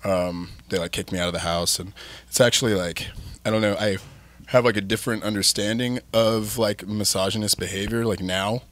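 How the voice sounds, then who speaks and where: Speaking briskly in a steady, low voice with a fairly bright tone, a band frontman in his thirties chats casually as a guest. He rambles through his band's story with open candor and lots of "like" and "um."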